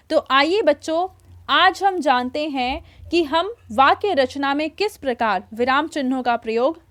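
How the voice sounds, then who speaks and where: A woman teacher patiently explaining a worksheet to children, repeating words slowly and checking that they follow. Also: high voice.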